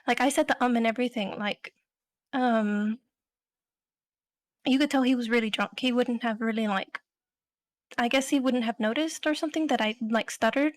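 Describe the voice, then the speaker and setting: A woman's voice: on the high side, moderate pace, pauses often, dry recording, studio quality. A young adult woman co-hosting a podcast, telling a story in a rambling, casual way full of fillers. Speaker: podcast co-host.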